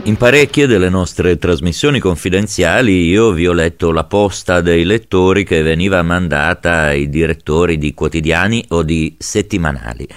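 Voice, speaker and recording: A man with a fairly low voice presents on radio. He narrates in a measured, conversational storytelling way, recorded dry with no room sound. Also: dry recording, faint music behind.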